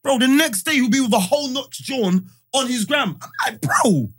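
A man's voice: very high-pitched, fairly quick, fairly bright tone. A man with a London roadman accent and slangy delivery, bantering casually as a podcast co-host and acting out quotes as he tells stories. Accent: London, urban street slang.

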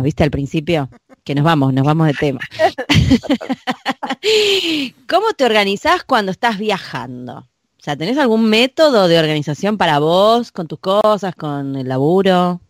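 Playful Argentine woman, very expressive pitch. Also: no room sound, studio quality. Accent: Argentine Spanish. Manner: laughs easily, playful. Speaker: podcast co-host. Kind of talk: casual podcast chat.

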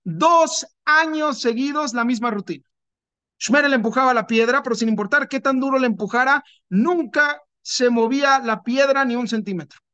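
A man, a rabbi, telling a parable in a dramatic, deliberate sermon style. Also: extremely high pitch, pushed and bright, clear, resonant tone, no echo, muffled recording. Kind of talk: sermon storytelling.

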